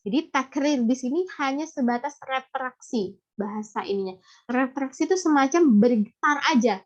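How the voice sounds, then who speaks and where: An Indonesian woman teaching a recitation lesson in a halting, explanatory way, with a slight impediment on her rolled r. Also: high voice, lively intonation. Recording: dull, lo-fi audio.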